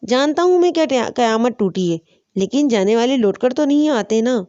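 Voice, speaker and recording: A woman's voice: fairly high pitch, lively intonation, dark tone, close to an everyday voice. Brief: woman voicing a selfish young man, pushy and coaxing, dull audio. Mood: pressing. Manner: pressing, coaxing.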